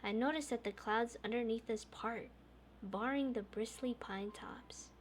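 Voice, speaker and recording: A woman streamer reading a story game's text aloud in a soft, steady narrating voice, with small restarts now and then. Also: on the high side, measured pace, slight background noise.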